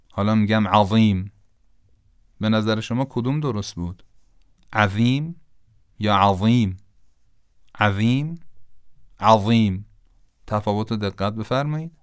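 Male teacher, low and resonant, dry close sound; deliberate lesson delivery with repeated demonstration words. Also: clean tone, no room sound. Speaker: pronunciation teacher. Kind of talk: Quran recitation lesson.

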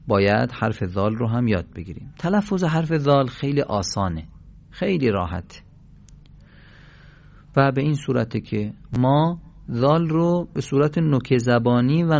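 A man teaching a pronunciation lesson for Quran recitation, explaining and then slowly drilling syllables. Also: medium pitch, gravelly, darkish tone, highs cut off. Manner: slow, deliberate, drawn-out syllable chanting.

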